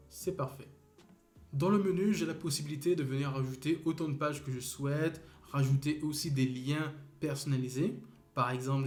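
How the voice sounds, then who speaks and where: A young man giving a step-by-step software tutorial, explaining each click as he goes and correcting small slips. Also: medium pitch, roomy sound. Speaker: web design instructor. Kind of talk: screen-recorded software tutorial.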